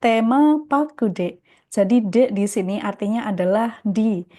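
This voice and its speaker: A woman's voice: medium pitch, unhurried, mellow. A woman teaching a beginner Japanese lesson, patiently explaining textbook dialogues word by word and reading out Japanese phrases.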